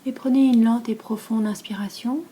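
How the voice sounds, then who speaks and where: Her voice sits on the high side as this yoga nidra teacher from France, with a French accent, guides a relaxation. She speaks calmly, breathily and softly in a soothing way, with long pauses between her phrases.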